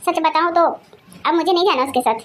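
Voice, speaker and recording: A woman's voice: extremely high pitch, fast, a bit bright, soft background music. A woman voicing a tired, thirsty old grandmother in a cartoon who grumbles and scolds. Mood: chatty, grumbling. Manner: scolding, complaining, chatty. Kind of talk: cartoon character voice.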